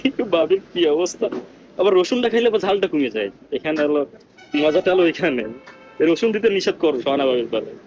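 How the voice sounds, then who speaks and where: A man with a rural Bangladeshi Bengali accent talks to his viewers in a hushed, lowered voice. He keeps up casual vlog commentary at a village home, and his pitch sits a bit high for a man. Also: lively intonation, fast talker, lo-fi sound, faint music behind. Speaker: vlogger host. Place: village house outdoors.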